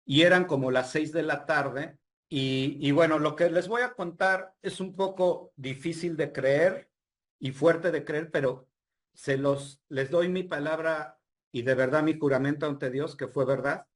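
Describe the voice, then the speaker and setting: A man's voice: a little high, measured pace. A man casually telling a personal story, animatedly acting out the dialogue with frequent fillers. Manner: animated retelling with quoted dialogue, many fillers. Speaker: guest storyteller.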